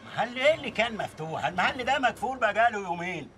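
A sarcastic neighborhood man in a TV comedy, high and very animated in tone, with clear music under the voice. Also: rapid-fire. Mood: mocking. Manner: mocking, lively retorts.

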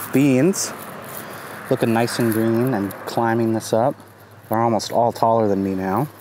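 Slow, easygoing man filming outdoors. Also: mid-range voice. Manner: relaxed, easygoing, lots of ums and uhs. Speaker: gardening vlogger. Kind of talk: casual walking garden tour. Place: outdoors in a sunny community garden. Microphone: phone held at arm's length. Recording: outdoor phone recording with traffic noise. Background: passing traffic and outdoor ambience.

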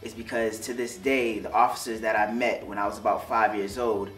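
A man's voice: on the low side, level tone, a little fast. A young man, a police officer, speaking heartfelt and loosely in an interview testimonial, often restarting his phrases. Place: studio with curtain backdrop. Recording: roomy studio, distant mic, soft music.

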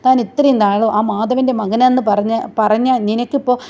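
A woman's voice: a little high, fairly even intonation, fairly quick, warm tone, lo-fi sound, close to an everyday voice. A woman voicing a stern, scolding female senior police officer. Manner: scolding, commanding.

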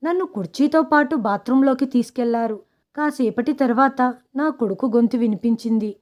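A woman reading a first-person story aloud in a steady, dramatic way. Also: a little high, normal speed. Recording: dull lo-fi audio.

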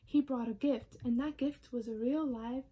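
A woman volunteer reading a children's story aloud in a gentle, expressive storytelling manner. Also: high voice, normal speed, slightly rough.

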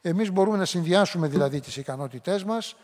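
A middle-aged man with a high voice gives a public lecture in a hall with a long reverb tail. He talks in a conversational way and slips into short quoted voices as examples. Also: expressive, a little mellow. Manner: conversational, acts out quoted lines.

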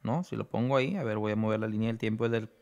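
A man presenting an app tutorial, explaining each step slowly and checking in with the listener. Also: on the low side, darkish tone, dull audio. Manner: explains slowly, often adds "¿no?".

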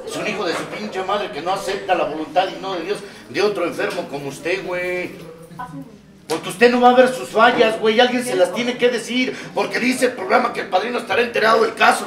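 A Mexican man delivers fiery, profanity-laden testimony to a recovery group, dropping low and confiding before breaking into shouts. His voice sits high and carries from a distance. The room is echoey, with a crowd audible around him. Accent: Mexican Spanish. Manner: swears heavily, swings from low confiding to shouting. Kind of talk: impassioned testimony at a recovery meeting. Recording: echoey room, far from the mic.

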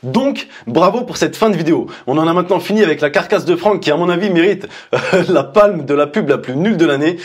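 A higher-pitched man in his thirties picks apart an advert with blunt sarcasm and casual slang. His voice has a husky edge, and he talks into a clip-on mic in a small dark studio. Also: animated, brisk. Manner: mocking, blunt, informal. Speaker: marketing commentator. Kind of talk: sarcastic ad critique. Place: indoor studio, dark backdrop. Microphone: lapel mic.

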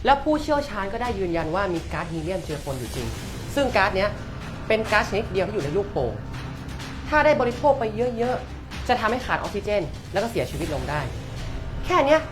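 A man's voice: high voice, big pitch swings, a little fast. A smug male reporter lectures in a self-satisfied tone. Background music runs throughout this skit. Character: smug male reporter who twists the news.

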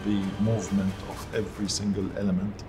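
Male interviewee, lowish voice, earnest and hesitant, music bed under. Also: flat delivery, brisk.

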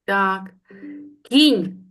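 A woman's voice: mid-range voice, animated, extremely slow, fairly bright tone. A woman sitting in on a child's online lesson, chiming in with short prompts and praise over a video call.

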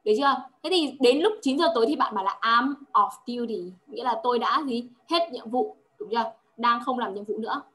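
A woman gives a one-on-one lesson in a fairly high voice. She explains patiently, repeats words for drilling and keeps checking that her pupil follows. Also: quick pace, hardly any pauses, a bit bright. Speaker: English tutor.

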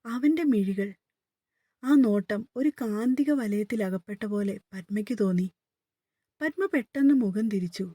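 A woman narrating a romance novel in a calm, even storytelling voice. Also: medium pitch, normal speed, no echo. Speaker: audiobook narrator.

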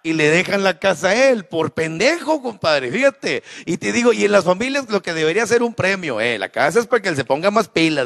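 A man's voice: sits high, fairly bright tone. A man with a Mexican accent telling a comedy monologue, talking straight to the audience and often adding tag questions. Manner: chatty, addresses the audience directly with frequent tag questions.

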